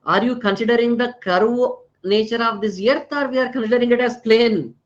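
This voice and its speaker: An Indian-accented man with an extremely high-pitched voice lectures live online, speaking fairly quickly over lo-fi sound. He tends to repeat phrases, checks understanding with "right" and "na," and weaves Hindi words into his English.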